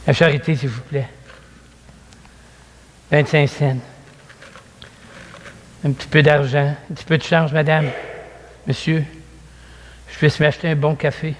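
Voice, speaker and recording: A man's voice: on the high side, level tone, measured pace, long pauses, lightly acted. A man with a Québécois accent voicing Bartimaeus, a blind male beggar who pleads for change and then cries out desperately, in an echoey church hall. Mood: pleading mumble. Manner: begging mumble, then crying out loudly.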